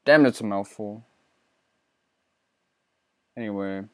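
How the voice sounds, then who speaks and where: A man's voice: fairly low pitch, takes it slowly, fairly bright tone, no room sound. A man in his thirties giving casual, profane, self-mocking commentary while playing a game. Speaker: let's play host.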